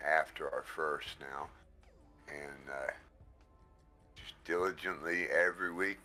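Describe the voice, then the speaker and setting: Streamer host on a headset mic: deep-voiced man, laid-back and slow, friendly thank-yous. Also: pushed and bright. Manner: slow, easygoing, thanks viewers often. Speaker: livestream host. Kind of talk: casual livestream chat.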